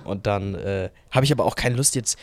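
A man's voice: on the low side, fairly quick. A young man co-hosting a podcast in casual chat, hesitant, often restarting his sentences. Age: young adult. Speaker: podcast co-host.

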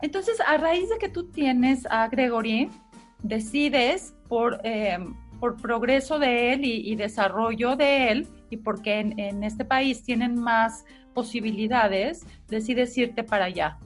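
A woman hosting an interview, gently prompting her guest and politely interrupting to ask questions. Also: fairly high pitch, slow, soft background music. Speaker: host.

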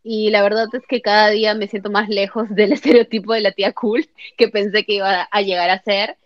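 A woman's voice: medium pitch, steady tone, fairly quick, dry recording. A young woman with a Peruvian Spanish accent co-hosting a podcast, telling self-mocking stories in casual chat. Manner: chatty, self-mocking storyteller. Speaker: podcast co-host. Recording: dull lo-fi dry mic.

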